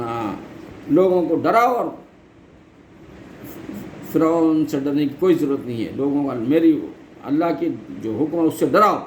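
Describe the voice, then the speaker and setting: A male teacher reading scripture translation lines and retelling each in plain everyday speech. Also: fairly high pitch. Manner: reads a line then retells it in plain speech. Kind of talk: Quran translation and explanation lesson. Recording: echoey room with faint noise.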